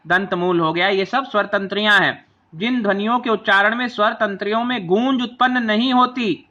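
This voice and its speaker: A man teaching a grammar lesson in a high, very bright and ringing voice. He walks through a chart patiently, spelling out each sound slowly one by one. He keeps inviting the listeners to say the sounds along with him. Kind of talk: classroom lesson explaining a chart.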